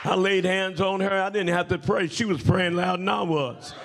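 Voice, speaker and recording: A man preaching a sermon and telling a story. He builds from calm storytelling to shouted praise. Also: high voice, normal speed, a faint crowd. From Tennessee, United States. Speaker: pastor. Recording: long reverb of a church hall.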